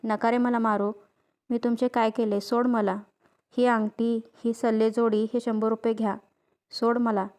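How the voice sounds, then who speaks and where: A woman's voice: fairly high pitch, level tone, unhurried, a little mellow, close to an everyday voice. A woman reading the lines of a fearless, stubborn village man, spoken firmly. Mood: pleading.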